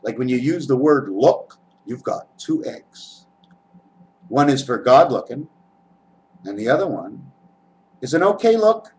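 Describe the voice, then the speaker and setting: Poor audio with slight background noise carries a man's mid-range, very animated, somewhat mellow voice, unhurried and broken by long pauses. He's a vlogger at home on camera, wandering through a spiritual talk full of letter-and-number wordplay while calling viewers his friends.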